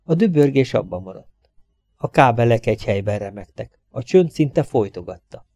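A man reading a thriller aloud as an audiobook narrator, steady and even. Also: mid-range voice, creaky, no echo. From Hungary. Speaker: audiobook reader.

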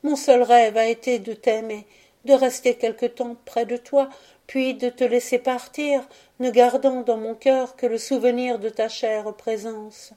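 A woman reading a story voices a tender, pleading young girl whose grief sits beneath a gentle voice, like a storybook heroine. The character's tone is raised and bright above the reader's own, yet mellow and soft. The pitch is fairly high and level, the pace a little slow, and the acting light.

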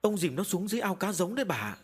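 A flustered young servant woman, as a male narrator puts her on, pitched well above his own voice. She stammers and speaks with nervous deference, her tone husky and lively, in a storybook horror reading. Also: quick pace, heavily acted.

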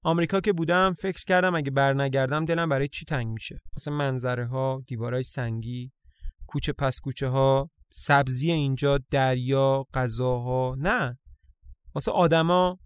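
A man voicing an earnest, gentle young man with a limp in a storybook reading. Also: mid-range voice, fairly even intonation, smooth, no room sound, lightly acted. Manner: earnest, plain-spoken.

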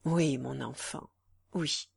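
Woman voicing a gentle young gentleman, tender and unhurried. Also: mid-range voice, animated. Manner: tender, soothing, slow. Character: young Parisian gentleman before a duel, gentle.

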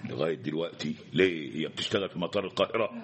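An actor with an Egyptian accent playing a gruff, teasing, middle-aged father in a radio drama, bantering with his wife. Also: extremely low pitch, very fast. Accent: Egyptian Arabic. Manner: bantering, animated. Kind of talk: classic radio drama acting.

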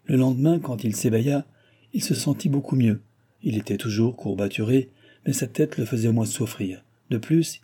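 A man narrating an adventure novel in a measured, even storytelling manner. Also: fairly low pitch, breathy edge. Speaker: audiobook narrator.

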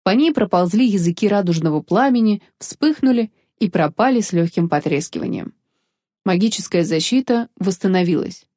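A woman narrating a fantasy audiobook in a measured, expressive reading. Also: medium pitch, no room sound, clean studio sound.

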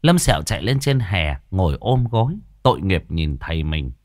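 Lively male storyteller. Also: low voice, normal speed, no room sound, studio quality. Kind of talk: storytelling narration.

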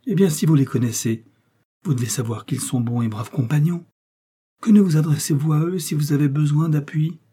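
A man reading aloud and voicing an earnest, trusting young woman in a higher, eager and emphatic voice. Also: a little fast, dark tone, breathy edge. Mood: excited.

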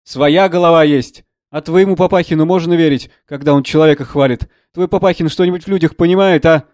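Gruff, blustering old general-doctor in a read play, sharp mocking jabs, voiced by a man, on the high side, dry close sound. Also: fairly quick, dry recording, close to an everyday voice. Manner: blustering, mocking, shouts out bursts. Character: gruff, sardonic older male doctor, a general.

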